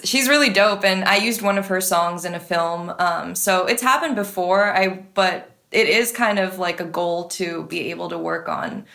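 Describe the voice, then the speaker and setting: A woman's voice: on the low side, creaky. Young woman, American, casual interview talk, filler-heavy, easygoing. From United States. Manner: relaxed, filler-heavy, lots of "like". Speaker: guest, music supervisor. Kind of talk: casual conversation.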